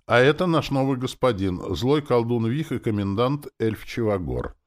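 A man's voice: mid-range voice, big pitch swings, moderate pace, voice pushed up, close to an everyday voice. A man voicing a dry, businesslike zombie garrison chief in an audiobook. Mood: matter-of-fact. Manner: curt and businesslike.

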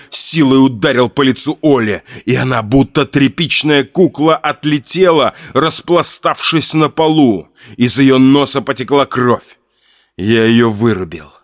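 A man's voice: mid-range voice, dry recording, studio quality. A man reading a first-person horror audiobook in a somber, tense storytelling manner. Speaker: audiobook narrator.

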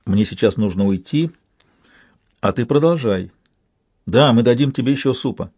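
A man voicing a weary, stubborn young girl healer in an audiobook, speaking quietly and with determination. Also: mid-range voice, expressive, moderate pace, slightly rough, no echo. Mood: soothing.

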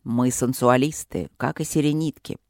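A reader voicing a calm, wise male dragon lord who speaks slowly and soothingly, in an audiobook. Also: medium pitch, dry recording, studio quality, pitched below the performer's own voice, lightly acted. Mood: serene. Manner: slow, even, soothing.

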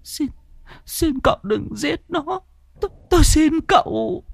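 Bà mẹ già yếu ớt, khóc lóc van xin, giọng cao vút, do một người đàn ông giả giọng, truyện ma. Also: male voice, very high-pitched, expressive, a little slow, vocal fry, dry recording, voice pushed up, exaggerated voice. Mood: tearful pleading. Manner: wailing, tearful begging. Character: frail old mother, pleading and weeping.

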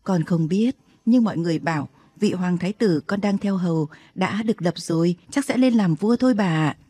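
A woman's voice: fairly low pitch, fairly quick, mellow, husky, no room sound. A woman reading an audiobook, voicing an earnest young male servant who pleads with and reassures his grandmother. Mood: respectful.

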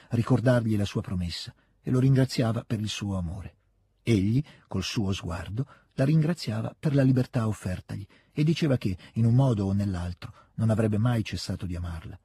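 A man narrating a classic novel in an audiobook, with a steady, expressive reading into a close studio mic. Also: lowish voice, slightly rough, no echo. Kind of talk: scripted literary narration.

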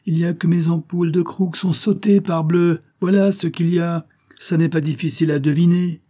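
A man reading a novel aloud plays a fussy, excitable scientist who blusters and exclaims, his voice pushed up higher and louder. The tone stays mellow underneath, with a husky edge. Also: moderate pace, close to an everyday voice. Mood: exasperated.

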